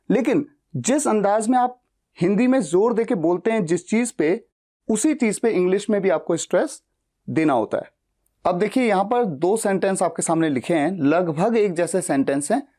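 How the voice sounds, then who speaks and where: Male online English tutor, mellow tone, patient explainer who asks and answers his own questions. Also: high voice. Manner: reads English example sentences slowly and deliberately. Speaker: spoken English teacher. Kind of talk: explanatory grammar lesson.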